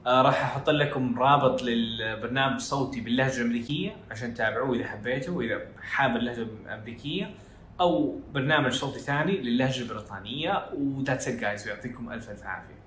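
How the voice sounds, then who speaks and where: Hejazi saudi guy hosting a podcast, drops english phrases in, rattles along super quick, faint hiss behind him. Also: medium pitch, fairly bright tone. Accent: Hejazi Saudi Arabic (Jeddah). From Saudi Arabia. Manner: code-switches into English phrases. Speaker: podcast host. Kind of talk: casual educational talk. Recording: echoey room.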